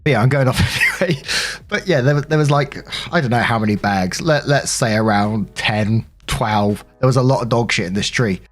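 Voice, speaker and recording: This is a British man hosting a story compilation, his mid-range, fairly bright voice moving at normal speed. His casual storytelling rambles, swears freely and is full of personal commentary.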